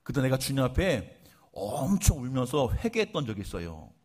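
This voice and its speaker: A male pastor preaching a sermon in an animated storytelling way, firing off rhetorical questions and joking about himself. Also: medium pitch, moderate pace, slightly rough. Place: church service.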